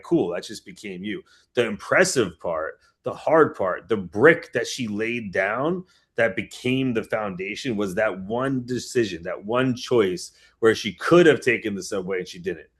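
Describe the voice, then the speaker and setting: A man's voice: lowish voice, a bit bright. A man coaching a group on a call, emphatic and motivational, swearing freely. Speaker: fitness coach.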